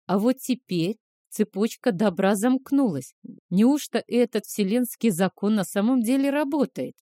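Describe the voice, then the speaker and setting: A woman reading a first-person novel aloud in a steady, even narration. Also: mid-range voice, no room sound, studio quality. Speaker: audiobook narrator.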